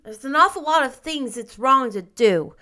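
An impish little boy played by a woman reading a storybook, pitched high and very bright. He is frank and earnest, blurting out his thoughts in childish, ungrammatical phrases. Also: expressive, moderate pace. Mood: curious, frank. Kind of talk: storybook character voice.

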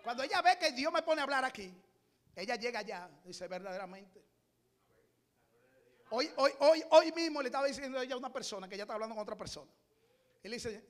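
A middle-aged man preaching in a strikingly high voice. He builds to loud, impassioned cries, repeats his phrases again and again, and then drops back into plain talk to tell his stories. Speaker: pastor. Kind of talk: sermon.

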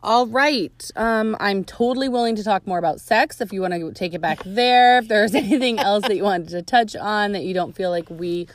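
A woman's voice: mid-range voice, normal speed, hardly any pauses, no echo. A woman hosting a podcast in casual chat, teasing and playful with her co-host.

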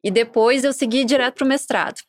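A woman with a softened accent from Rio Grande do Sul, guest on a podcast, telling her story in a relaxed way with frequent tag questions. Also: a little high, a little fast, no echo. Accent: southern Brazilian (Rio Grande do Sul), softened. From interior of Rio Grande do Sul, Brazil. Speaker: guest, regulatory specialist. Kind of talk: casual podcast interview. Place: podcast table at an office.

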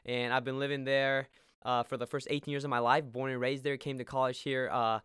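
A man's voice: mid-range voice, flat delivery, brisk, fairly bright tone, smooth, dry recording, studio quality. A man in his late twenties from Peru, a podcast guest sharing his faith testimony with earnest enthusiasm and often repeating words when stuck.

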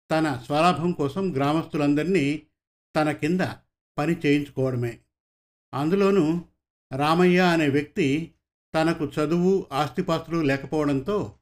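A man reading a short story aloud in a measured, clear storytelling delivery. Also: on the high side. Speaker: story reader. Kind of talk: scripted story narration.

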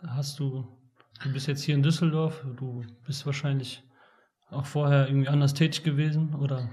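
A man's voice: mid-range voice, level tone, moderate pace, a little mellow. A man hosting a podcast, greeting his guest and asking loose, rambling questions. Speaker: podcast host. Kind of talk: casual interview talk.

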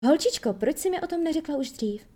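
A woman as a puzzled, gently stern mother. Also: sits high, animated, pitched above the performer's own voice. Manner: questioning, mildly scolding. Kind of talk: storybook reading.

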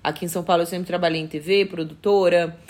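A woman's voice: lowish voice, steady tone, fast, darkish tone. A woman guest in a casual interview, speaking frankly and conversationally in a firm, projected voice.

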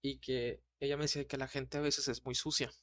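A man co-hosting a casual livestream chat, telling stories in a relaxed, slangy way with many restarts. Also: medium pitch, a little fast, no room sound, studio quality.

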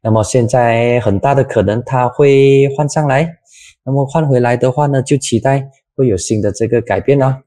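A man's voice: mid-range voice, moderate pace, dark tone, no room sound, clean studio sound. A man hosting a casual news talk show in Malaysian-accented Mandarin, chatting with a guest and using many filler particles.

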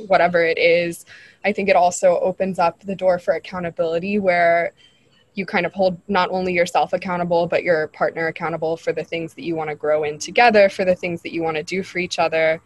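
A woman's voice: fairly low pitch, low-quality recording. Earnest young woman, articulate. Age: 20s. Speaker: prevention educator. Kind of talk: casual discussion.

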